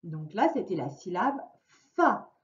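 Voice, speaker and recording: A woman teacher giving a slow, clearly spoken lesson to children, stretching out each word. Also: medium pitch, big pitch swings. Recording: echoey room, dull lo-fi sound.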